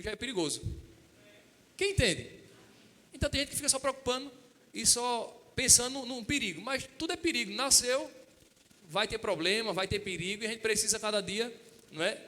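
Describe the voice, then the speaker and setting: A man's voice: sits high, long reverb tail. A middle-aged man preaching a storytelling sermon, acting out dialogue and often asking the congregation for an amen. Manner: asks the congregation "Amém?" and "Quem entende?"; lively retelling with acted-out dialogue. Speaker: pastor.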